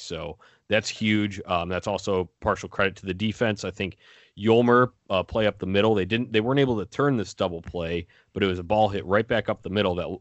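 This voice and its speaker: Male sports podcast co-host, deep pitch, casual recap commentary, dry recording. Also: no room sound.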